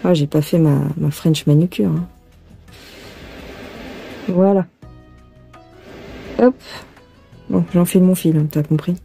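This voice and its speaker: Working as she talks, a cross-stitch host casually explains her stitching and muses aloud to the viewer, recorded by a phone filming her hands. Her voice is lowish, warm and steady, with vocal fry, a slow pace and frequent pauses. Soft background music plays.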